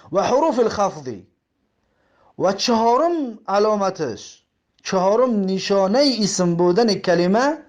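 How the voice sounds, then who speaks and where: Male teacher with a Tajik accent, fairly high and very lively pitch, patient and repetitive grammar explanations. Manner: explains step by step, repeating terms and examples; reads the Arabic text slowly, word by word. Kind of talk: religious grammar lesson.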